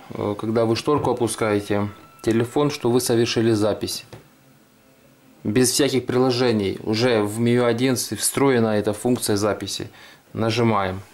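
A man's voice: medium pitch, steady tone, a little slow. A man hosting a casual hands-on tutorial video, talking through each step as he demonstrates. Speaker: video host. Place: indoors at a desk.

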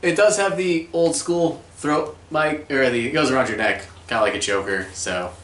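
A man's voice: fairly high pitch, normal speed, fairly bright tone, a little hiss or hum. A middle-aged man giving a casual, jokey gear review to camera in a chatty, informal way. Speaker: host of an airsoft gear channel. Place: small furnished room at home, indoors. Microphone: camera a few steps away. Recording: roomy echo, distant camera mic.

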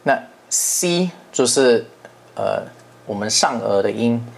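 Guy teaching english pronunciation, average pitch, patient, says words over and over slowly. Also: expressive, creaky. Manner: explains patiently, repeats words slowly to demonstrate sounds. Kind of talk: pronunciation lesson.

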